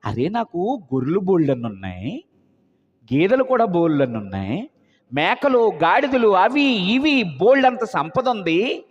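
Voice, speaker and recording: A preacher acting out an aged patriarch, humbly begging and lamenting, in a muffled, echoing hall. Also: male voice, high-pitched, sing-song, unhurried, slightly rough, pitched below the performer's own voice, exaggerated voice. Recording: muffled long hall reverb.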